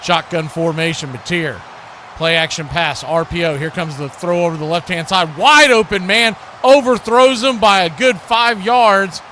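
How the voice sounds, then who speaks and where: A radio announcer handles play-by-play for a live football game with a folksy touch, talking to viewers between plays. His voice sits high and moves at a normal speed, rising to excitement on big plays. The recording carries clear background noise.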